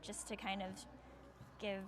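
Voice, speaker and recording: A young American woman with a mid-range voice explains something casually, her level tone and unhurried pace peppered with "like" and "sort of." The recording is clear, with some ambient background noise.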